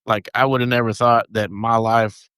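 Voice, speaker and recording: A man's voice: medium pitch, little pitch movement, fairly bright tone, clean tone, no echo. A man with a Southern accent co-hosting a podcast, chatting casually and often restarting his words. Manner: halting, restarts words, loose. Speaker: podcast co-host. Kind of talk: casual chat.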